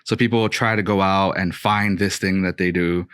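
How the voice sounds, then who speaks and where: A man in his thirties from Brooklyn co-hosting a podcast, with a low voice and an easygoing, meandering way of talking. The sound is dry and close, with no room around it. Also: normal speed, smooth, dry recording. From Brooklyn, New York. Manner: relaxed, rambling with many fillers. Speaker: podcast co-host. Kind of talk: casual chat.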